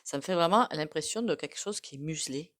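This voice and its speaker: A woman with a regional French accent talks through a tarot card reading in a loose, conversational way. Her voice sits a little low, and she hesitates often, wandering off into asides. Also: lively intonation, quick pace, a bit bright. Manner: rambling, hesitant, many fillers and asides. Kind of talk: casual tarot reading to camera.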